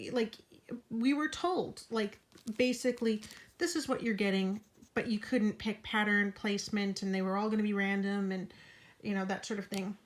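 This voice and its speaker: A woman's voice: medium pitch, darkish tone. An out-of-breath woman giving a casual update vlog from her bed at home, talking in a frank, indignant way and sometimes dropping into a whisper. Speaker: vlogger.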